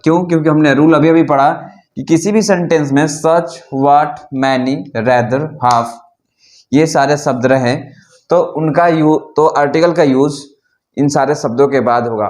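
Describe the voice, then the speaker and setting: A man teaching an English grammar lesson, explaining rules slowly and repeatedly while asking his students questions. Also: on the high side, reverberant.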